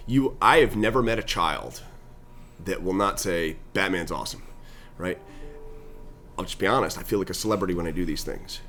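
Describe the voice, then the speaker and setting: A middle-aged man, a guest in an interview, telling animated stories about his nonprofit. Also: fairly quick, faint music behind. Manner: animated storyteller, pitch climbs when excited. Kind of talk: conversational interview storytelling.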